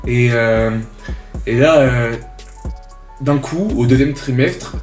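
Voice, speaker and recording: A young man telling jokes casually and deadpan, slangy and halting, often repeating himself. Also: mid-range voice. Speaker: contestant in a joke-telling challenge. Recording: roomy echo, music behind. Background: music.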